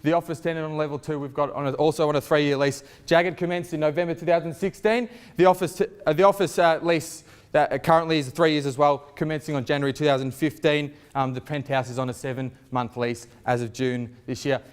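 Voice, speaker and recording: Casting: Australian man, novice auctioneer, declamatory and formal, with a clean, slightly high voice. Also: steady tone, brisk, clean tone. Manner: declamatory auctioneer projection to a gathered crowd. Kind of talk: auctioneer address, formal property pitch and bid calling.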